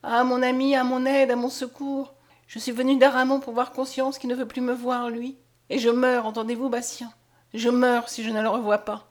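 A woman's voice: fairly high pitch, little pitch movement, normal speed, voice pushed up, close to an everyday voice. A woman voicing a desperate young peasant girl. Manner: pleading, tearful. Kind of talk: audiobook character voice.

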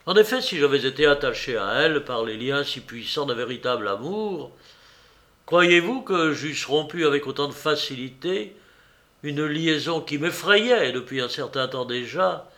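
A man voicing a sincere young male reporter who speaks in measured, earnest sentences. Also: on the high side, a bit bright. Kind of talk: audiobook character reading.

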